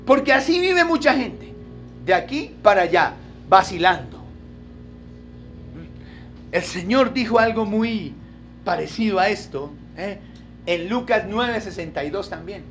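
A man's voice: high-pitched, a little hiss or hum. Emphatic male pastor preaching a sermon. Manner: preaches with rhetorical questions, swinging between quiet asides and loud emphatic pleas. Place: church service with a congregation.

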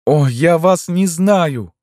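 Man doing an anxious young girl, halting, storybook, strained high. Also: a little mellow, no room sound, clean studio sound, close to an everyday voice. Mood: distressed. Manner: halting and distressed. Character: frightened bewildered young woman.

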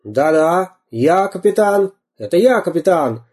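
A man's voice: sits high, lively intonation, unhurried, husky, pitched above the performer's own voice, full character voice. A man bellowing as a boastful pirate captain. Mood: boisterous. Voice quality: bellowing, shouty. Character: boisterous bearded male pirate captain, boastful and loud.

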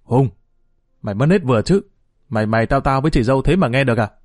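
A weak older brother, put on by a male storyteller, reproaching his sibling in an indignant, hurried tone. The voice sits at a middle pitch and sounds close and dry. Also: expressive, darkish tone, no echo, lightly acted. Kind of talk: dramatized story reading.

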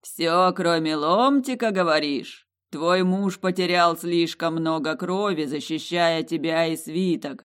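A woman voicing an ancient magic ruby heart that speaks slowly in a teasing, drawn-out way. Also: on the low side, clean tone, lightly acted. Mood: amused.

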